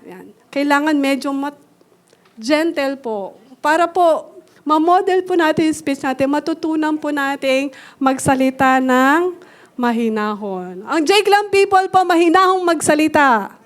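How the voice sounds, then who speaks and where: High-voiced Filipino woman preaching. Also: a little slow. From Philippines. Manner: polite, switches between Tagalog and English mid-sentence; gently teaching, uses everyday examples. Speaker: church speaker. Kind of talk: sermon.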